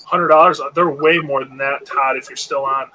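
A man's voice: mid-range voice, fairly even intonation, moderate pace, sharp tone, a little hiss or hum, rough recording. A man in his late thirties hosting a podcast live stream, chatting casually in a laid-back, rambling way with plenty of fillers. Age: 30s. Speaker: podcast host.

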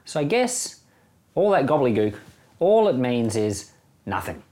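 A middle-aged Australian pastor hosts a Bible podcast, offering informal commentary in a plain-spoken, conversational way and chuckling now and then. His medium-pitched voice is warm and very animated, and he speaks unhurriedly.

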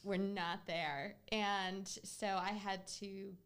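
A woman's voice: mid-range voice, steady tone, extremely slow, fairly bright tone, smooth. Woman podcast host telling stories. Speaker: podcast host, real estate agent. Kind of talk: casual podcast conversation.

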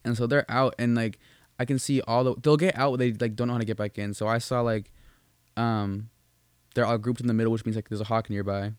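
Young guy on a podcast, rambly and cussing a lot, mid pitch, dry close sound. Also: steady tone, fairly quick, clear, resonant tone, no room sound. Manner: rambling, profane, many restarts and fillers. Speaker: podcast co-host. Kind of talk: casual chat.

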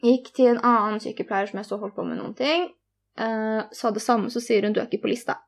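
A woman's voice: fairly high pitch, creaky. A young woman telling a personal story in conversation, earnest and candid, retelling each exchange in detail.

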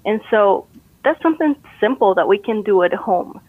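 A Costa Rican woman who is a brain health expert gives upbeat, encouraging advice in a casual interview over a call, laughing easily. Her mid-range voice has lively intonation at a moderate pace, and the dry recording comes through a tinny phone line.

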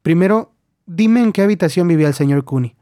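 A man voicing a grim, tense man who hunts disguised aliens, speaking forcefully in an audiobook story. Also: high voice, expressive, quick pace, no echo, studio quality.

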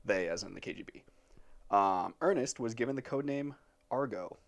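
A man's voice: medium pitch, lively intonation, moderate pace, gravelly. A man hosting a casual podcast, rambling with lots of fillers and frequent laughs. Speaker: podcast host presenting the topic.

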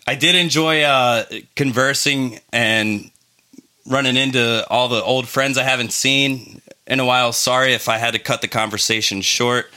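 A man's voice: mid-range voice, fairly even intonation, normal speed, pushed and bright. A man co-hosting a casual podcast, telling stories in a laid-back way with lots of fillers and restarts. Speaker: podcast co-host. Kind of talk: casual chat.

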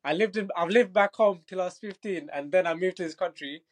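In a casual interview, a fairly quick-talking Muay Thai fighter in his twenties, originally from Bangladesh, comes across as easygoing and sure of himself. His slightly high voice breaks into easy laughter, and he regularly checks in with "do you know what I mean."

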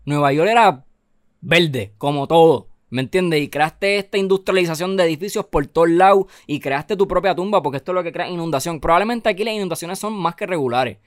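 A man's voice: a little high, fairly quick, dry recording, clean studio sound. A man hosting a casual podcast, rambling and opinionated, with frequent repetition. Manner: rambling, opinionated, repeating himself. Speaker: podcast host.

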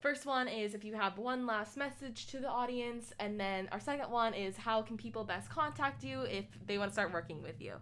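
A woman's voice: fairly high pitch, normal speed, few pauses, a bit bright. A young adult woman in college, hosting an interview casually, with many filler words.

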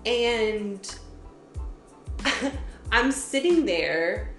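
A young woman co-hosting a casual podcast, her pitch sits a little high and swings widely as she tells a story with plenty of swearing. The room has a noticeable echo, and faint music plays in the background. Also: very slow. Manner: profane, animated storytelling with frequent laughter. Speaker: podcast co-host. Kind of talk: casual chat.

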